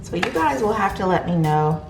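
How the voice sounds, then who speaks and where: A woman's voice: lowish voice, big pitch swings, moderate pace, loud music behind the voice. A woman vlogging casually from her home kitchen in a groggy early-morning voice, chatting and rambling with fillers. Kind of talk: casual chat to camera.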